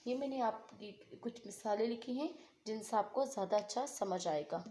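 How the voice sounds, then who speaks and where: A woman's voice: medium pitch, normal speed, warm tone, echoey room, slight background noise. A woman teaching Quran recitation rules in an online lesson. She talks patiently, asks a question and then answers it herself.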